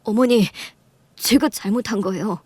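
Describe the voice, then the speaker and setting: An actor playing a guilty husband who apologizes quietly in a radio drama. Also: male voice, high voice, normal speed, no room sound. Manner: subdued, apologetic.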